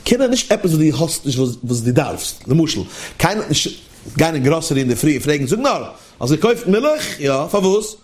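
A man giving a sermon in a lively, questioning, sing-song manner. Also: a little high, normal speed. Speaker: religious teacher. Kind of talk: sermon to listeners.

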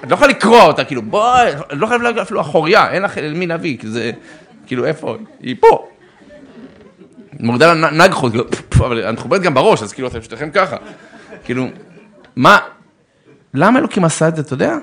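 A man giving theatrical, animated advice on marriage, acting out arguments and calling listeners brother. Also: on the high side, pauses often. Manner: theatrical, acts out both sides of arguments, bursts into shouts; addresses listeners warmly as brother. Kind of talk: animated religious talk on relationships.

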